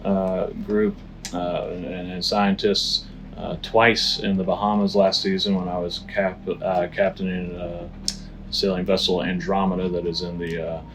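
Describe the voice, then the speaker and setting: A man who captains sailing boats introduces himself haltingly, pausing on fillers between phrases. His voice is very low, and a faint hum runs behind him. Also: level tone, fairly bright tone, rough recording.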